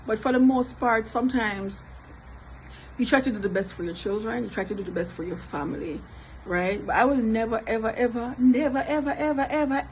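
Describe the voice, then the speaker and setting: A woman's voice: on the high side, slight background noise, rough recording. A middle-aged Jamaican woman, a mother, talking in a chatty, repetitive vlog style with frequent laughs. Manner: chatty, repeats herself, laughs often. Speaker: vlogger, mother. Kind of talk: casual vlog talk.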